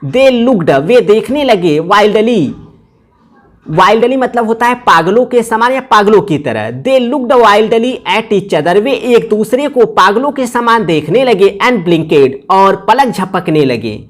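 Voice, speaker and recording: A woman teacher, reading phrases slowly and explaining each one in Hindi. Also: medium pitch, animated. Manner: reads English phrases very slowly, then glosses them in Hindi. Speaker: English teacher. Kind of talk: line-by-line lesson explanation.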